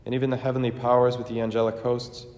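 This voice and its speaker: The priest saying Mass is voiced by a man with a mid-range, darkish tone who delivers the liturgical prayers solemnly, fast and flat. The recording carries the long, cathedral-like echo of a large church and a faint hiss.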